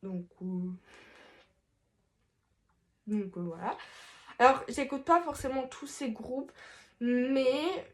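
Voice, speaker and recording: A woman's voice: high voice, slow pace, long pauses. A woman vlogger chatting casually through a face mask, with a rambling, hesitant, playful way of talking full of fillers and restarts. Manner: playful, self-mocking asides. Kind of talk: casual chat.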